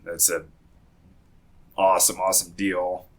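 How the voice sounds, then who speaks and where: In a low, monotone voice at a measured pace, a groggy-sounding man hosts an easygoing podcast chat. He rambles, often breaking off to restart and correct himself.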